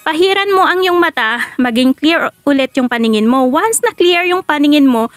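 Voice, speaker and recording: A woman's voice: sits high, animated, normal speed, dry recording. A woman giving casual breakup advice to her viewers. She switches between Tagalog and English, asks rhetorical questions, and laughs between points. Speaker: relationship advice vlogger.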